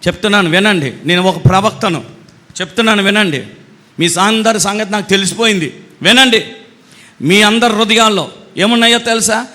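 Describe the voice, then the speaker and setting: A man's voice: sits high, moderate pace, sharp tone, long reverb tail, voice pushed up. A man acting out a bold male prophet who scolds officials, declaiming a long rising list. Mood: scolding.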